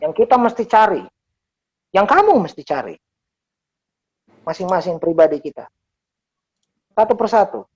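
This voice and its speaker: A preacher giving a casual youth sermon, switching between slang and English phrases and stressing words with sudden jumps in pitch. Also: expressive, unhurried, long pauses, darkish tone. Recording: dull lo-fi recording.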